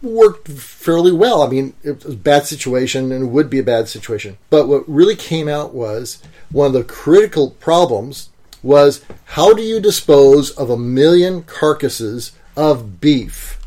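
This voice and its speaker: Man, storytelling, slightly high voice, casual chat, occasional fillers. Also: dark tone.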